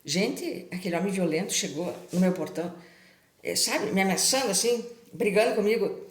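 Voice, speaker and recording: In an echoey room, a middle-aged Brazilian channel host recounts a personal story to her viewers, chatting casually and often using tag questions. Her voice is medium-pitched with a moderate pace and a Brazilian Portuguese accent.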